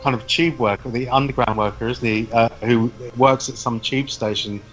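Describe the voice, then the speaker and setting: A man's voice: medium pitch, steady tone, moderate pace, highs cut off, faint music behind. Chatty man, laughing often. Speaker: comedy podcast co-host, guest. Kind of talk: casual chat.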